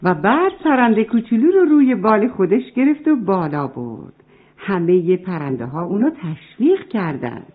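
Brief: female storyteller for kids, lively animated reading, thin phone-like sound. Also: mid-range voice, a little hiss or hum. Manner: warm, addresses the children. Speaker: storyteller for children. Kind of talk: children's story narration.

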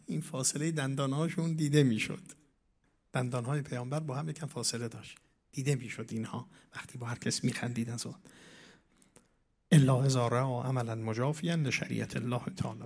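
A man giving a sermon, reciting scripture in a measured way and swinging between loud declaiming and hushed asides. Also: mid-range voice, husky. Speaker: preacher.

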